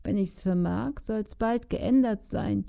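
A woman's voice: mid-range voice, slow, gravelly, warm tone, pitched above the performer's own voice. A woman voicing a cunning, ugly old woman who commands her new husband in rhyming verse. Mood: domineering. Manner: pleading then domineering, rhyming verse.

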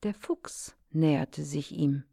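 A woman narrates a storybook in a slow, measured voice that is mellow and slightly low. The sound is dry and close. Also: vocal fry, breathy edge, no echo. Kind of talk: storybook reading aloud.

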